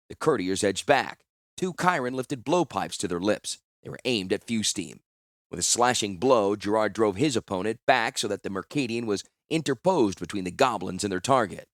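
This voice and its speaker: A man reading a fantasy audiobook as scripted narration, in a steady, measured storytelling manner. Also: on the low side, no room sound, studio quality. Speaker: audiobook reader.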